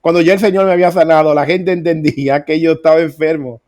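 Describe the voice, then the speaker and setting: A man's voice: fairly high pitch, steady tone, fast talker, darkish tone. A middle-aged man preaching, telling his own story with earnest emphasis. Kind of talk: sermon testimony.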